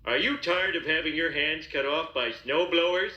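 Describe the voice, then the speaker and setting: A man's voice: on the high side, moderate pace, reverberant, muffled recording, close to an everyday voice. A man voicing an oafish middle-aged cartoon everyman who sells snowplowing in a stilted salesman manner. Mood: pitching.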